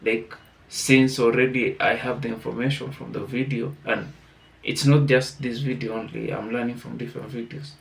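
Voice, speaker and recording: A man's voice: medium pitch, flat delivery, normal speed, creaky. A man hosting a channel, reflecting earnestly to viewers in a motivational way, with frequent restarts. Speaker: channel host commenting. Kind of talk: casual reflective monologue.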